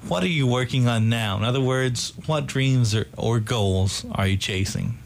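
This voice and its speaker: Medium-pitched man interviewing casually. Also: normal speed, gravelly. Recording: noticeable background noise.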